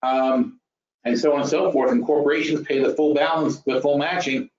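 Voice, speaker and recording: A trading educator aged fifty-five hosts an explanatory finance webinar, his voice on the high side yet darkish, fairly even in intonation and moderate in pace. He speaks bluntly and emphatically, thinking out loud with repeated phrases and rhetorical questions, and the lo-fi audio sounds roomy and dull.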